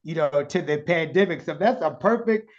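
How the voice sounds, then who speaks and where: A man's voice: fairly high pitch, lively intonation, moderate pace, lo-fi sound. A man with a Southern accent hosting a virtual interview, chatty and effusive, heard over a video call. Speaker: interview host.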